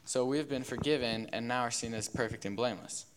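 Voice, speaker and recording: A young man giving a relaxed sermon, full of fillers, who acts out the figures of a parable in quick voices. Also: mid-range voice, background noise. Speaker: youth speaker. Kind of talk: casual sermon.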